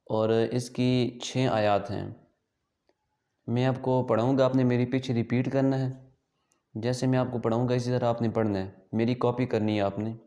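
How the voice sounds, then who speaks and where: A man teaching an online Quran lesson with a Pakistani Urdu accent, explaining pronunciation patiently and reciting slowly for students to repeat. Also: mid-range voice, level tone, warm tone, echoey room.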